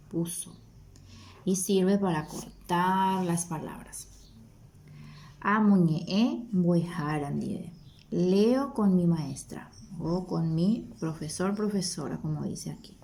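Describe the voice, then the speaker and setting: A woman gives a Guaraní lesson at a very unhurried pace. Her voice sits a little low and mellow. She repeats words again and again, pressing on each syllable. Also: a little hiss or hum. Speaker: Guaraní teacher. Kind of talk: slow, deliberate language lesson.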